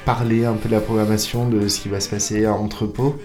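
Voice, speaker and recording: A man co-hosting a radio show in casual chat, his voice thick with echo from his microphone, talking in a relaxed, hesitant way. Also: on the low side, quick pace, faint music behind. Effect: strong echo on his microphone.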